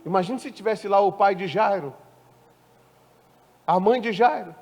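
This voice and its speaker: A man preaching a sermon, animated and often questioning the congregation with playful asides. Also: high-pitched, normal speed, soft background music. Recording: long church-hall reverb.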